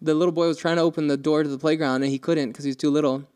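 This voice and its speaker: A man's voice: fairly high pitch, fairly even intonation, very fast, darkish tone, smooth. A young man co-hosting a podcast, talking in a casual, earnest and emotional way, with lots of restarts. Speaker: podcast co-host. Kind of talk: casual chat.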